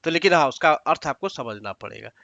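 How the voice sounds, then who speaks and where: Male teacher, higher pitch, patient step-by-step drilling of words, dry dull-sounding recording. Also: expressive, fairly quick, gravelly, bright, forceful tone, no room sound. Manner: patient, repeats each word and its meaning step by step; addresses learners directly with instructions. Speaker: Sanskrit teacher. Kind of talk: exam-prep lesson explaining sentences.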